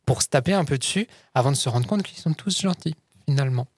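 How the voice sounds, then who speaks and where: A man co-hosting a comics podcast, playful and amused as he pitches a book. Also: lively intonation, slight background noise. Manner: playful, amused, fast-talking. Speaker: podcast co-host. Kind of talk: casual chat.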